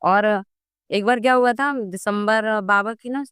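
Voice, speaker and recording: A woman guest in a casual interview, telling a personal story in a lively way and acting out the dialogue. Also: mid-range voice, measured pace, clean tone, no room sound, clean studio sound. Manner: animated storytelling, acts out dialogue. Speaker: guest devotee.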